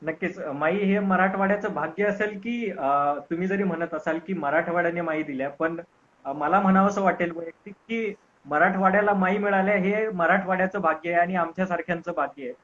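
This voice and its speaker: A man's voice: sits high, fairly even intonation, brisk, fairly bright tone, highs cut off. A man hosting an interview, asking polite, hesitant questions with filler sounds. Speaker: interview host.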